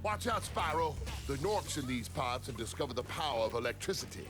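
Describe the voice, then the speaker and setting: A man voicing a male dragon elder in a video game, giving a calm, explanatory warning over game music. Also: medium pitch, a little fast, lightly acted.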